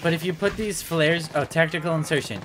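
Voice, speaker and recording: A man's voice: on the high side, fairly quick, noisy background. Man laughing through gameplay commentary. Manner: laughs often, swears freely. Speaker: gamer. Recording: game music under voice. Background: game music and gunfire.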